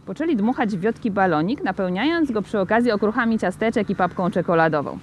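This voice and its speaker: A woman reads a novel aloud at a middle pitch, telling the story in a lively, expressive way. A faint noise sits quietly behind her voice. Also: fast talker. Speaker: reader.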